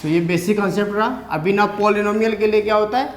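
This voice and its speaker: A man with an Indian accent teaching a maths lesson, moving between slow, dictated definitions and quicker explanations. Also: high-pitched, fairly even intonation, roomy sound, slight background noise.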